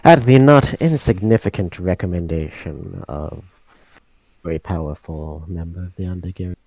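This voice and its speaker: A man's voice: sits low, moderate pace, darkish tone, no room sound, poor audio. Man's voice cutting in and out. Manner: exasperated by repeated dropouts. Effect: voice cutting in and out over an online call. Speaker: game master. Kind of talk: narrating and voicing characters in a tabletop game. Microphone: online voice call.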